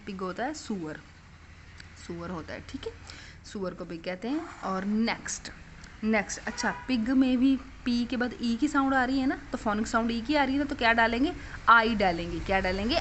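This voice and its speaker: A woman's voice: fairly high pitch, a bit bright, slight background noise. A young woman teaching phonics to children, asking questions and repeating the answers back. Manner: repetitive call-and-response questioning.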